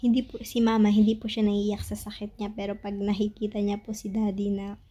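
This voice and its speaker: A young Filipina woman telling a family story in a casual vlog, halting and searching for words, fighting tears at times. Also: medium pitch, little pitch movement, dark tone, a little hiss or hum. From Philippines. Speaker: family vlogger. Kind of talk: emotional story-time monologue. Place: home in Pakistan.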